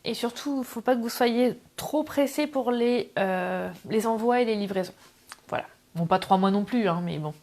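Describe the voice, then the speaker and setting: A middle-aged woman hosts a casual live craft tutorial, filmed on a camera set on a tripod. Her voice is fairly high with a darkish tone at a normal speed. Between steps she chats with viewers, greets them by name and makes self-deprecating asides.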